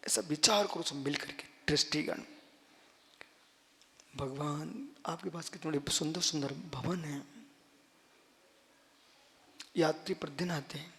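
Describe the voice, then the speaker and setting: A Jain monk preaching a sermon, emphatic and making the audience repeat after him. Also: male voice, a little high, unhurried, long pauses, pushed and bright. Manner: emphatic, drills the audience in call-and-response. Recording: long hall reverb.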